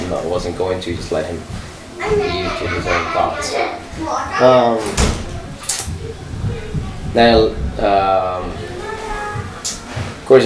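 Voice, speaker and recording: A man from Sudan recalling his own past in a hesitant, casual way, with many fillers and restarts. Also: sits low. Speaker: interviewee. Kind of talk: personal recollection, casual storytelling. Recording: echoey room, mic far off, noisy.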